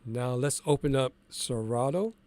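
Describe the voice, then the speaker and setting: A male DJ, congested from allergies and a bit froggy, explains his setup in a relaxed, candid way and thinks aloud as he goes. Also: medium pitch, measured pace. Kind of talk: casual screen-share tutorial.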